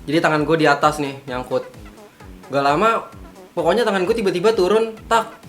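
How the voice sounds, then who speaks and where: A man in his twenties chatting casually, telling stories in an animated way. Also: on the high side, moderate pace, soft background music. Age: 20s. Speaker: guest. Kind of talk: casual chat.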